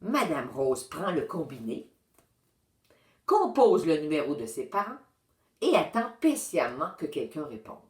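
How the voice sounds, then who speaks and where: A woman reading a children's novel aloud, expressive and talking to young listeners. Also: low voice, measured pace. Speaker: storyteller. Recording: roomy echo.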